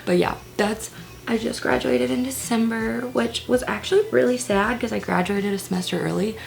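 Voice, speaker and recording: At home in front of the mirror, a young woman in her twenties chats through her makeup for a get-ready-with-me vlog, joking at her own expense and whispering asides. She has a slightly high, creaky voice, a steady tone and a moderate pace. Soft background music accompanies her.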